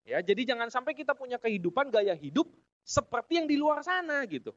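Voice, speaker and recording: A middle-aged man from Indonesia giving a motivational business talk, his voice sitting high as he jokes with the crowd and chuckles at his own lines. The recording is dry and a little dull, with a lo-fi edge. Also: very animated, fairly quick, a bit bright, no echo. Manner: addresses audience as "Bapak Ibu sekalian". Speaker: business seminar speaker.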